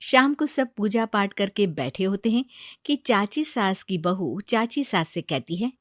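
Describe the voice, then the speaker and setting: A woman narrating a cartoon story in an even storytelling delivery. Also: mid-range voice, a little slow, dry recording, clean studio sound.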